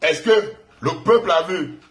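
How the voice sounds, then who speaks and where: A man's voice: a little high, expressive, unhurried, echoey room. A man with a Gabonese French accent hosting an online live stream, taunting and insulting a rival in a mocking, repetitive rant.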